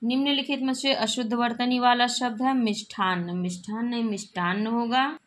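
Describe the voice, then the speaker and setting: A woman's voice: fairly high pitch, fairly even intonation, normal speed. A woman teaching Hindi grammar, reading out exam spelling questions and explaining the correct forms, often repeating them with the odd cough.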